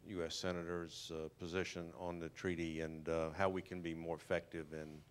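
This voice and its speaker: A man's voice: low-pitched, flat delivery, moderate pace, a little hiss or hum. A man asking a hesitant question from the audience in a lecture hall, with fillers between his phrases.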